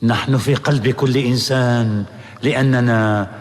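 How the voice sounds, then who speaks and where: A man's voice: medium pitch, fairly even intonation, measured pace, big-room sound. A man playing an earnest court prosecutor who narrates the case, declaiming formally in an old radio drama broadcast. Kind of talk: 1970s radio acting.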